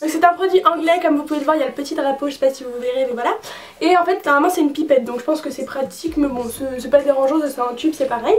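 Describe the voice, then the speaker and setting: A woman's voice: sits high, very fast, recorded from a distance. A young woman reviewing beauty products in a casual, frank way, with many fillers and restarts. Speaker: beauty vlogger.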